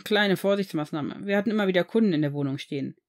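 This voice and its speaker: A woman's voice: lowish voice, fast talker, lightly acted. Woman reading as a friendly young shopkeeper. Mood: cheerful. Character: young man, warm cheerful shop owner.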